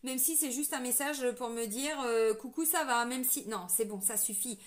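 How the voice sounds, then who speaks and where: A high-pitched woman from France gives a spiritual reading in a loose, chatty way. She talks straight to her viewers and often restarts her sentences with fillers as she goes. Her tone stays conversational and personal throughout. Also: normal speed. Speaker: tarot reader giving a spiritual guidance. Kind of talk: casual spoken guidance to viewers.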